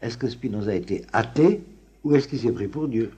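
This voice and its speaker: Husky man giving a rambling lecture. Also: medium pitch, lively intonation, warm tone. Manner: halting, many fillers and restarts, chuckles often. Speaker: Talmud teacher. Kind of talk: informal lecture to a class.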